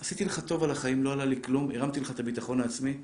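A middle-aged rabbi with a mid-range male voice delivers a live Torah lesson to a seated audience in a lecture room. He's lively and talks straight to his listeners, posing rhetorical questions. The room is echoey, and there's a little hiss or hum on the recording.

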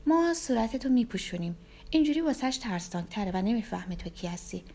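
A sly, manipulative young woman, voiced by a woman reading a storybook talks in a soft, flattering, gently coaxing tone. Her voice sits raised and light, with a mellow, dark colour underneath. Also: fairly high pitch. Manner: gentle like a careful kind nurse.

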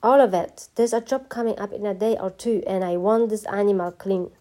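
A woman's voice: medium pitch, fairly even intonation, a little fast, natural voice. A woman voicing an angry male elephant master who roars and scolds. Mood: furious. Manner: loud, roaring scolding.

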